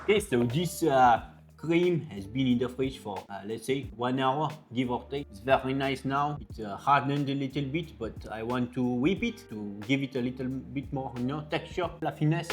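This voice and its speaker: A man's voice: mid-range voice, normal speed. A man in his thirties with a French-style foreign accent, hosting a casual recipe demonstration in a playful, joking manner. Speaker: cooking show host. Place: indoor kitchen with steel fridges. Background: music.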